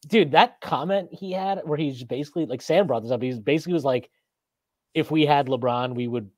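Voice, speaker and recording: A man's voice: fairly high pitch, fairly quick, no echo. A man in his thirties hosting a casual postgame sports chat on a video call, rambling and reading out viewer comments with frequent laughs. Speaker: podcast host. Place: small room indoors. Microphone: video call webcam.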